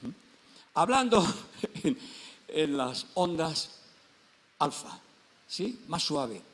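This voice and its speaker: A man's voice: on the high side, drawn-out words, a bit bright. A man with a Spanish accent, a pastor preaching a sermon, telling stories in a conversational way with repetitions and rising emphatic peaks. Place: church.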